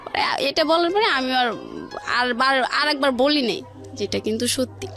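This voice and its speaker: Her voice is high-pitched and fairly bright, with lively intonation at a normal speed. This Bangladeshi-accented woman recounts a personal story informally in a radio studio, stringing events together with quoted dialogue over faint background music.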